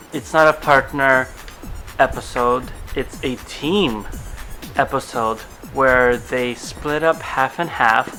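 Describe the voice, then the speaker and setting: A man's voice: mid-range voice, bright, forceful tone, rough recording. A man with a Russian accent recapping a TV episode in a chatty, rambling vlog full of asides. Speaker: vlogger reviewing a TV show.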